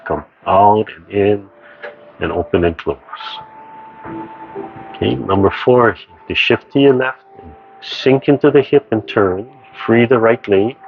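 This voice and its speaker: A man teaching tai chi, giving serene, measured step-by-step movement cues in short phrases. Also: lowish voice. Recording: dull, muffled audio with background noise.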